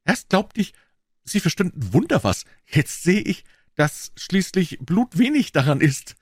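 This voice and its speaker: A man voicing an excitable middle-aged pawnbroker who talks in high, eager exclamations in an audiobook. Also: measured pace, breathy edge, no room sound, studio quality, exaggerated voice. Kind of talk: audiobook character voice.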